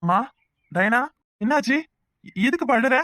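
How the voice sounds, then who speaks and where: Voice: mid-range voice, animated, measured pace, no room sound, studio quality. An anxious young cartoon husband. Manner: pleading, anxious, gentle. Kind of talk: Tamil village cartoon voice acting.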